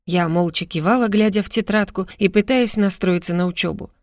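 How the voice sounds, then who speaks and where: A woman narrating a first-person novel as an audiobook, in an expressive, lively manner. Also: mid-range voice, a little fast, no echo, clean studio sound.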